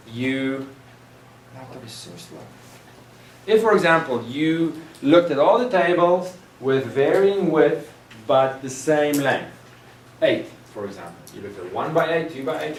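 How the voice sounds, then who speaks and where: A man's voice: mid-range voice, slight background noise. Man lecturing math in an echoey room. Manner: explains patiently with examples, trails off and restarts. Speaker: math instructor. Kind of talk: recorded classroom lecture. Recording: roomy lecture room, distant mic.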